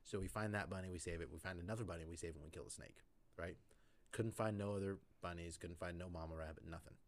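A man with a very deep, low voice tells a rambling story over a podcast chat. He keeps circling back with fillers and "like" as he goes. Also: fast talker. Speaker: podcast co-host.

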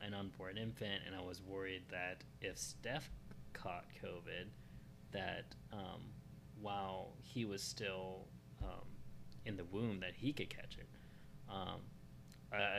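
A man with a very low voice talks casually and hesitantly, often reaching for words with ums and uhs. Noise can be heard clearly behind him. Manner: hesitant, fills pauses with um and uh. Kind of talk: casual conversation. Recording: noticeable background noise.

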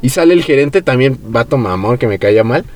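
With a mid-range voice and a brisk delivery, a young podcast host with a Mexican Spanish accent spins a story in casual, slangy conversation. He performs the voices of the people he quotes.

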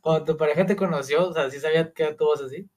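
A man's voice: a little high, fast talker, a little mellow. A young man with a Mexican accent in casual chat, joking and asking questions. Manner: joking, curious, asks questions.

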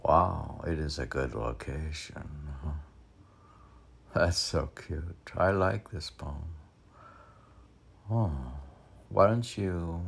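A poet reads his own work in a rumbling low voice with vocal fry and a breathy edge. He drifts into musing, wandering asides, as though talking to himself.

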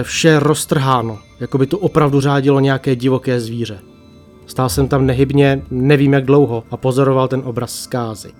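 A man reading a first-person horror story aloud, slow and hushed, with long dramatic pauses. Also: medium pitch. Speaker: narrator. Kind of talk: creepypasta narration. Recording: faint music bed.

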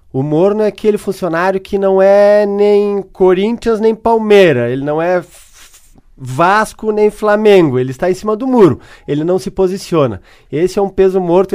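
Brazilian man explaining in a higher voice. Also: expressive, moderate pace, darkish tone. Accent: Brazilian Portuguese. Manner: tells stories and worked examples. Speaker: customer service speaker, guest. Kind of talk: explanatory interview answers.

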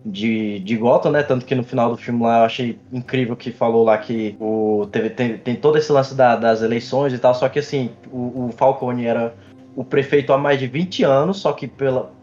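A man's voice: mid-range voice, steady tone, moderate pace, darkish tone. A man with a Brazilian accent chatting casually as a podcast co-host, slangy and often repeating words as he goes. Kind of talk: casual chat. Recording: dull lo-fi mic, music behind.

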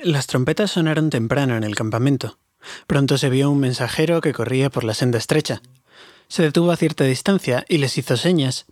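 A man narrating an audiobook in an even, steady storytelling manner. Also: medium pitch, dry recording. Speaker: audiobook reader. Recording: dry homemade recording.

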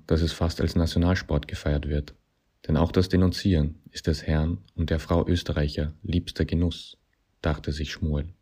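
Deep husky narrator. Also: male voice, mellow. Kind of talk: satirical story reading.

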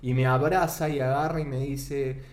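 This young man, speaking Spanish with an Argentine accent, offers his faith testimony at a normal speed in a steady, medium-pitched voice. The interview is casual, and he searches for words sincerely with many restarts; faint noise and echo fill the room.

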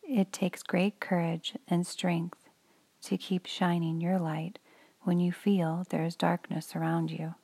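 With a dark, low, gravelly voice, a meditation guide whispers breathily and softly through a children's meditation. She keeps an even, unhurried, soothing pace, and the recording is dry and close, free of room echo.

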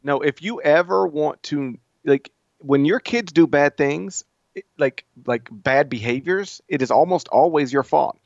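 A talkative man co-hosting a sports podcast, his voice sitting a bit high for a man. He rambles and restarts as he goes, animated throughout. The mic sounds dry and slightly dull, with little room around it. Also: a little slow, vocal fry, dry recording. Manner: animated, chatty, lots of restarts. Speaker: podcast co-host. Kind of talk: casual sports chat.

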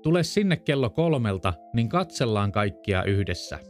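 A big bad wolf, played by a man reading aloud, sly and threatening, sometimes sweet-talking and sometimes growling low. It is a storybook voice with faint music underneath. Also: big pitch swings.

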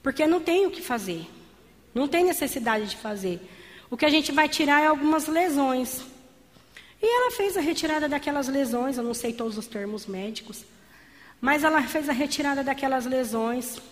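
A woman's voice: sits high, lively intonation, moderate pace. A woman giving a fervent sermon-style testimony in church, calling her listeners beloved. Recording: long hall reverb.

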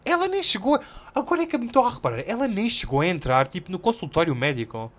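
Animated slangy Portuguese podcaster man. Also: high-pitched, fast talker. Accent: European Portuguese. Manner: animated, swearing, slangy, self-mocking. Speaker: podcast host. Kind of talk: casual solo storytelling.

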